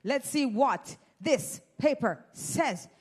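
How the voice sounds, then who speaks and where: Holding a handheld microphone, a Jamaican event host trades playful banter with her audience. She talks slowly in a high-pitched, animated voice that has a breathy edge.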